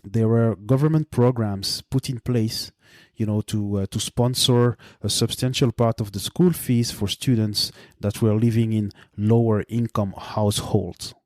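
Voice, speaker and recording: A man in his late thirties from Belgium, a native French speaker with a Belgian French accent, hosting a solo podcast in a measured way with frequent fillers and restarts. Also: fairly low pitch, fairly even intonation, darkish tone, no echo, clean studio sound. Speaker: podcast host.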